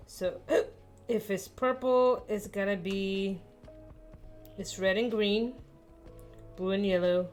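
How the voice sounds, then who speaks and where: A woman's voice: medium pitch, fairly even intonation, slow pace, pauses often, a little mellow, soft background music. A young woman talking herself through a digital drawing, muttering and poking fun at her own work. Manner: self-deprecating, muttering to herself. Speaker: artist. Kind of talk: casual art-process commentary.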